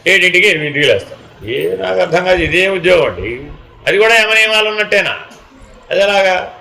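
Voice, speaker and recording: Man, spiritual teacher, discourse, questioning tone, acts out dialogues, high pitch. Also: pushed and bright, rough recording.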